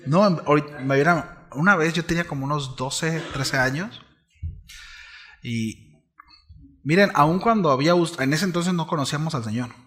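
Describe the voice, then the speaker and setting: A man preaching a sermon as pastor, conversational, often checking in with his congregation, shifting between soft asides and loud, emphatic declarations. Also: on the high side, normal speed.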